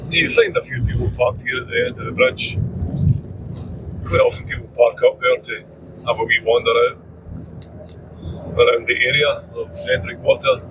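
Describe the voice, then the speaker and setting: A man's voice: medium pitch, fairly even intonation, moderate pace, long pauses, background noise. A man with a Scottish accent, narrating a road trip from the driver's seat in a casual, chatty way. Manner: chatty, playfully withholding. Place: inside a moving car. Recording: distant voice in car, loud music.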